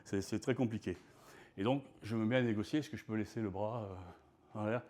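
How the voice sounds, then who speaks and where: Homme qui raconte sur scène. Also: male voice, on the low side, brisk, darkish tone. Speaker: speaker. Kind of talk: performed storytelling talk. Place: stage before an audience.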